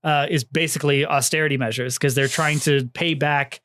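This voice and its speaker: Podcast co-host, man, slightly high voice, dry close sound, chatty history storyteller who swears freely. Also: steady tone, fairly quick, a bit bright, dry recording. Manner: loose and chatty, lots of fillers, swears freely. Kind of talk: casual history podcast narration.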